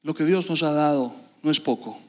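Male preacher, high voice, fervent sermon, long church reverb. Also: normal speed. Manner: impassioned, builds to loud repetitive emphasis. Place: church hall.

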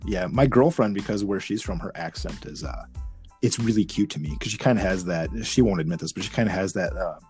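A man with a low voice and a Midwestern American accent, hosting a casual podcast chat, laughing often and restarting his sentences. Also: lively intonation, brisk, darkish tone, faint music behind. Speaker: podcast host.

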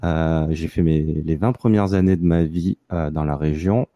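A man, hosting a casual podcast chat and talking in a relaxed way with many fillers and restarts. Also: rumbling low, normal speed, no room sound. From France, near Marseille. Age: 30s. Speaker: podcast host.

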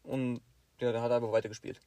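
A man's voice: fast, dry recording. A young man, casually telling a story and acting out the people in it. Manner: animated, acts out quoted teachers with louder higher bursts. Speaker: podcast co-host.

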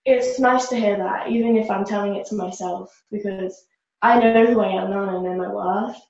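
A woman's voice: mid-range voice, steady tone, normal speed, darkish tone. A young woman from Britain, answering interview questions in an earnest, upbeat way with many "like" fillers. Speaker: guest, social media creator. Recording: roomy, dull lo-fi sound.

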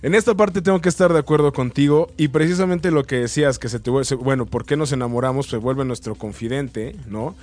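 A man with a Mexican accent in casual conversation, relaxed and rambling, full of slang and restarts. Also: medium pitch, brisk, hardly any pauses, soft background music. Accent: Mexican Spanish. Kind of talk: casual chat.

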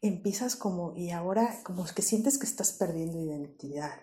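A Mexican woman, a psychologist guest on a podcast, calmly explaining with everyday examples. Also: on the low side, moderate pace. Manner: calm, explanatory, gives examples. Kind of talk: casual podcast conversation.

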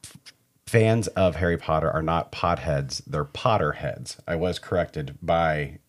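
A man's voice: a bass voice, a little slow. A man in his fifties co-hosting a podcast, chatting casually with a teasing, joking manner and often cutting in. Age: 50s. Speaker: podcast co-host. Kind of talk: casual chat.

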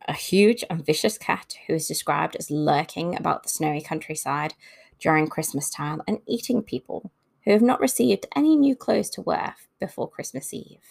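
In this informal scripted narration about folklore, the female host reads notes and adds relaxed asides. She has a lowish, slightly mellow voice with vocal fry.

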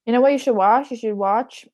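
A young woman trades wry, teasing banter as a podcast co-host. Her voice sits slightly high. The sound is dry and close. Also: normal speed, dark tone, no echo, muffled recording. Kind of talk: casual chat.

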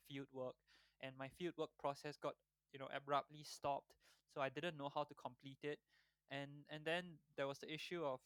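A man's voice: mid-range voice, a bit bright, smooth, dry recording. A man in his twenties from Singapore, talking thoughtfully as an interview guest with frequent restarts. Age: 20s. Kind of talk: conversational interview.

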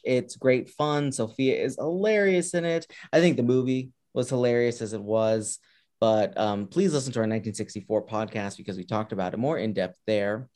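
A man's voice: medium pitch, darkish tone. A man hosting a film podcast, chatting casually about movies he recommends. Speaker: podcast host.

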